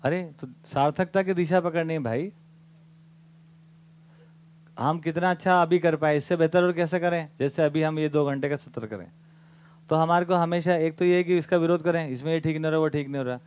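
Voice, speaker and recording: A man's voice: a little high, steady tone, brisk, smooth. A man giving an informal talk as the teacher of a study camp, often asking his audience rhetorical questions. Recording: phone-like lo-fi recording.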